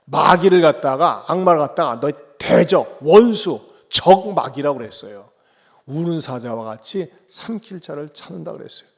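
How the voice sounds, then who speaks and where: A man's voice: fairly high pitch, animated, moderate pace. Sex: man. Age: middle-aged. Role: pastor. Style: emphatic sermon, rhetorical questions, call-and-response. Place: church, pulpit mic. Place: church sanctuary.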